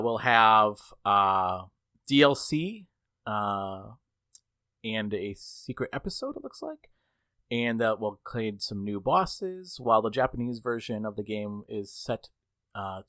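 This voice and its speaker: Animated storyteller with lively, swooping pitch. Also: male voice, no room sound. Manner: animated storyteller, jumps high to mimic others; laughs often while talking. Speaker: podcast co-host reading gaming news. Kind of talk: casual chat and anecdote.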